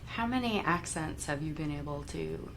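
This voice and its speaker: Low-pitched woman hosting an interview. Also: animated, moderate pace, noisy background. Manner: friendly, giggly, reads viewer questions. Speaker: interviewer host. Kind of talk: live interview chat.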